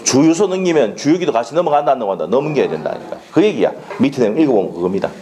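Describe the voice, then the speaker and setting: A man with a Gyeongsang accent lectures on law in a plain, chatty classroom manner. His pitch swings widely as he throws rhetorical questions at the class and checks that they follow. His delivery is blunt and colloquial. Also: sing-song, racing, a crowd in the background. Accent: Gyeongsang Korean.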